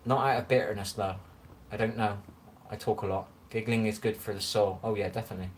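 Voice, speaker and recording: A man's voice: lowish voice, steady tone, fast talker, slight background noise. A chatty man with a Bristolian West Country accent, rambling and easily amused as he reads out viewer comments on a phone live stream from his room. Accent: Bristolian West Country English. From Bristol, England. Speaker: livestreamer. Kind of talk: casual live-stream chat reading comments. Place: his own room, lights low.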